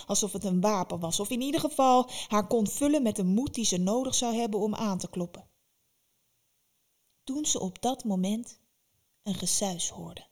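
A woman's voice: medium pitch, darkish tone. Woman reading a fairy tale aloud. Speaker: storyteller. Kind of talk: storybook narration.

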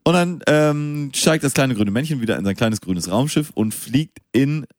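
A man's voice: medium pitch, moderate pace, no echo, clean studio sound. A man co-hosting a casual comedic podcast, telling jokes and stories in a playful way. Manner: joking, lively storytelling with playful voices. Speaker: podcast co-host.

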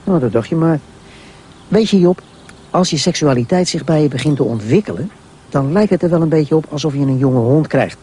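A man voicing a calm, patient middle-aged father who explains things to his son. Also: a little high, a little fast, slight background noise, natural voice. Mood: explaining.

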